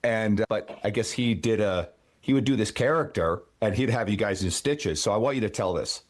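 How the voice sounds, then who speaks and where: A man from hosts a podcast. His voice sits on the low side, and he asks questions in a chatty, enthusiastic conversational manner. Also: normal speed. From Newfoundland. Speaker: podcast host. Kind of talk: conversational interview.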